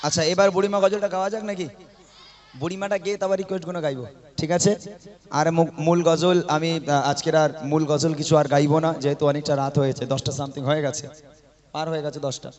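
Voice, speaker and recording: High-voiced man urging a crowd to chant. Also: flat delivery, fast talker. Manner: chatty, coaxing and urging the audience to chant louder. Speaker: Islamic devotional singer leading a gathering. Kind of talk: live stage talk between devotional songs, leading the crowd in chants. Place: live outdoor or hall gathering at night with audience. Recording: live event with music behind. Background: music playing under the voice.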